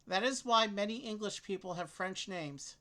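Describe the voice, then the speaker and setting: Bright-voiced woman reading game clues. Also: medium pitch, normal speed. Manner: steady, clear reading of clue text. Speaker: game co-player. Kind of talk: reading game text aloud and casual game chat.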